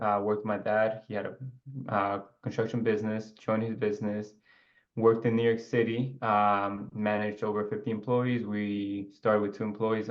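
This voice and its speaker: Low flat-voiced man on a muffled call. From Ecuador. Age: 20s. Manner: relaxed, rambling, with filler and restarts. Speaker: guest. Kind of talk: casual interview.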